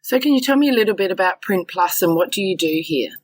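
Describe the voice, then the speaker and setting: A woman's voice: mid-range voice, expressive, fast talker. A woman with an Australian accent hosting an interview podcast, encouraging her guests. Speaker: podcast host. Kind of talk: friendly interview.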